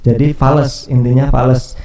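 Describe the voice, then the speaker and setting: Male teacher, mellow tone, casual lesson voice-over with fillers; roomy, off-mic recording. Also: mid-range voice, little pitch movement, normal speed, far from the mic. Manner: casual explaining with fillers and restarts. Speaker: music teacher.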